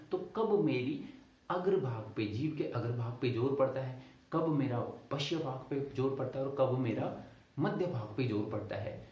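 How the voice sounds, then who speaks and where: A man teaching a Hindi grammar lesson at a board, explaining step by step, asking the class questions and answering them himself, and stretching out vowel sounds to demonstrate them. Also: mellow. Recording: boomy room echo, distant and dull.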